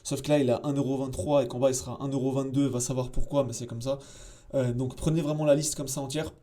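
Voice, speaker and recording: A man hosting a casual screen-share tutorial, chatty and slangy, with frequent fillers and asides while he clicks through software. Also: mid-range voice, level tone, fast talker. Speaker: SEO tutorial host.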